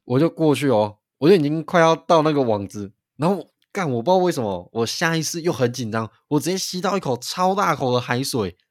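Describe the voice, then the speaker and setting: A man, co-hosting a podcast and telling a story in an animated way, with frequent restarts. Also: fairly high pitch, brisk, hardly any pauses, no room sound, clean studio sound. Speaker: podcast co-host. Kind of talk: casual chat.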